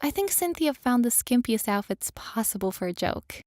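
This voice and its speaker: A woman's voice: on the high side, very animated, moderate pace, a little mellow, dry recording, studio quality. A woman reading a scripted first-person story as its narrator.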